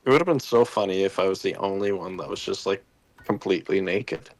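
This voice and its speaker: A man's voice: sits low, fairly quick. A young man joking and rambling with friends while gaming. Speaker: gamer. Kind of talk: casual gaming banter.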